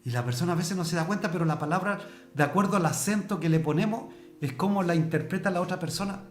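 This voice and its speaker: A man's voice: high voice, fast, soft background music. Preacher, man, talks to his class plainly with everyday examples, roomy hall sound. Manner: conversational, explains with everyday examples. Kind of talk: church discipleship teaching. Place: church hall.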